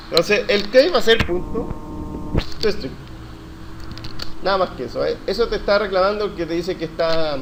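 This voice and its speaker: A man teaching a live university coding class, questioning students and praising their answers. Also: high-pitched. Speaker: university lecturer. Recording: noisy classroom recording.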